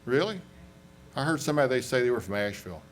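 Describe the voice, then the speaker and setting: A man's voice: mid-range voice, expressive, rapid-fire, slight background noise. A man with a Southern accent, an accident investigator, giving a folksy, rambling presentation to an audience with joking asides. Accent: Southern US, western North Carolina.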